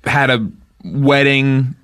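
A man co-hosting a comedy podcast, talking in halting, deadpan improvised banter. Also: mid-range voice.

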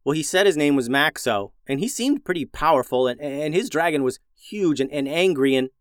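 A man's voice: on the high side, expressive, moderate pace, clean tone, dry recording, clean studio sound, close to an everyday voice. A man voicing Milo, a nervous young boy who stammers and repeats himself. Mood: anxious. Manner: stammering, anxious.

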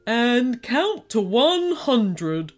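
A woman voicing a friendly male snowman come to life in a children's storybook, kindly and unhurried. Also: on the high side, big pitch swings, faint music behind, exaggerated voice.

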